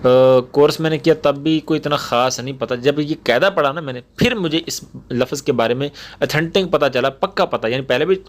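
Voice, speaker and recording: Man, religious teacher, patient, repeats points, spells words slowly, mid-pitched voice. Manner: slows down to spell words out syllable by syllable. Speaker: Quran teacher. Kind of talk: explaining a lesson step by step.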